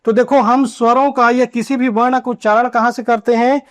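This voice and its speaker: A man teaching a grammar lesson at a board, asking questions and answering them himself, and drawing out key terms slowly. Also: extremely high pitch, flat delivery. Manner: asks and answers his own questions. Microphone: writing on a board while teaching.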